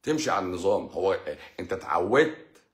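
A man's voice: low-pitched, big pitch swings, fast, reverberant. A man with an Egyptian Arabic accent, a doctor hosting a live stream who answers viewers casually, explaining in a teasing, sarcastic way.

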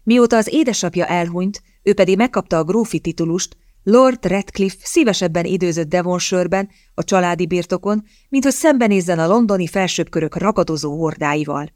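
An audiobook narrator reading a period novel in a steady, measured storytelling manner. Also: mid-range voice, dry recording, clean studio sound.

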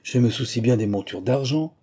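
A man putting on a sharp-tongued scolding mother. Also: mid-range voice, animated, moderate pace, husky. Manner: indignant, scornful.

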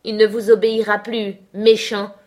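A woman's voice: medium pitch, normal speed, darkish tone, husky, close to an everyday voice. A woman reading an audiobook, voicing a defiant young woman who throws bold, taunting retorts.

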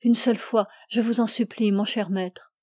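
A man's voice: high-pitched, steady tone, moderate pace, a little mellow, no room sound, clean studio sound. A woman reading the part of an exhausted young man, tearful and pleading over a lost love. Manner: pleading, anguished.

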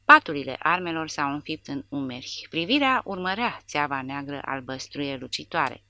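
A woman narrating an audiobook in a measured, dramatic reading. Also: sits low, animated, sharp tone, dry recording. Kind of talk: scripted narration.

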